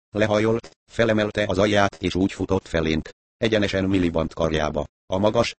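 Man reading an audiobook, really deep voice, dry close sound, wry. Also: dry recording. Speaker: narrator. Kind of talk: audiobook narration.

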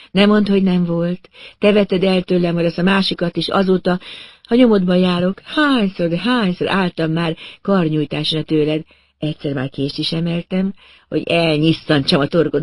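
A man puts on a high, pressing voice for a deranged young woman in an audiobook, fixated and menacing, her lines coming in a feverish rush. It is a dry, close recording. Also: no echo, lightly acted. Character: unhinged young woman, obsessive and vengeful. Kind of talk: audiobook reading.

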